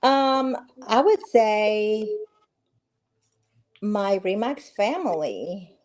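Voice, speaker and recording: A woman's voice: mid-range voice, expressive, extremely slow, a little mellow. A middle-aged woman from Peru, a guest on a video call interview, talking in a friendly way with many fillers and restarts. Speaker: guest, real estate agent. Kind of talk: casual interview conversation.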